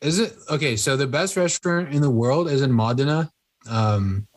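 A young man in casual podcast chat, slow and hesitant, reading facts aloud with pauses. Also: mid-range voice. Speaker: podcast co-host.

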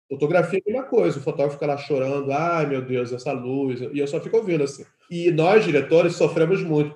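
A man with a Brazilian Portuguese accent, a film director and teacher, talking in an animated storytelling way and acting out the lines people said to him. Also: a little high, reverberant. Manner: animated storytelling, acts out quoted dialogue. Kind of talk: conversational interview.

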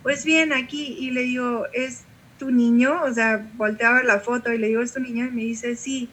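A woman's voice: on the high side, fairly even intonation, moderate pace, a bit bright. A woman with a Mexican accent, a pastor and singer, telling stories in an interview with vivid quoted dialogue. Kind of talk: conversational storytelling interview.

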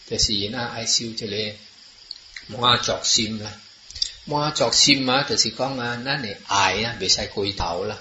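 This man's medium-pitched voice has a sharp tone and moderate pace as he talks casually and at length, explaining things in a rambling way. He scatters "ah" fillers throughout and blends Chinese with English words, all in a muffled, roomy, noisy recording.

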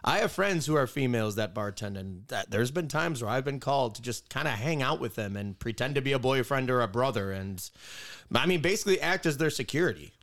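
A man's voice: medium pitch, expressive, brisk, fairly bright tone. A young man, co-hosting a podcast with rambling, casual, swearing talk. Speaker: podcast co-host. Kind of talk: casual chat.

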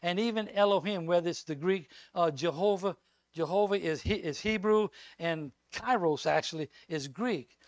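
A male guest preacher delivering an emphatic, animated sermon full of asides and repetitions. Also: sits high, normal speed, dry recording.

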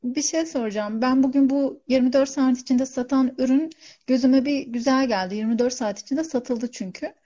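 A woman's voice: sits high, moderate pace, dark tone. A woman chatting casually as a student, telling about her online selling and asking questions, on a slightly lo-fi recording. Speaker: coaching student, online seller. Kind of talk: casual question-and-answer chat. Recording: slightly dull, lo-fi sound.

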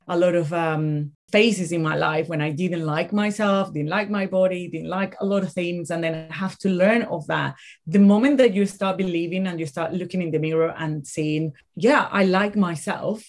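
A woman with a Venezuelan accent speaks as a guest in a conversational interview. Her voice sits a little low. She tells stories emphatically and often doubles back on her words for stress. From Caracas, Venezuela. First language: Spanish. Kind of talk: conversational storytelling.

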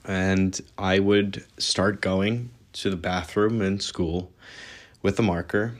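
A young man with a deep, low voice hosts his own podcast and tells his life story straight to the listener. He speaks earnestly and candidly, now and then restarting a word. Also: fairly even intonation, slow pace. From born in Israel, raised in New York. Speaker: podcast host. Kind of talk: personal storytelling monologue.

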